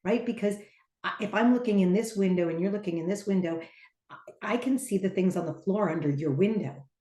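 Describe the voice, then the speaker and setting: An older woman talking earnestly and reflectively as a podcast guest, stressing her points with lively emphasis. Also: mid-range voice, a little fast, roomy sound. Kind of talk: casual conversation.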